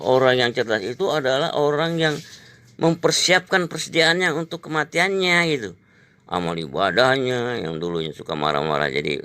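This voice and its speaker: A man's voice: mid-range voice, vocal fry, sharp tone, no echo. A man, telling a long rambling story and dropping "gitu" and "Pak" again and again. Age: 70s. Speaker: exercise teacher. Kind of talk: casual storytelling to an interviewer.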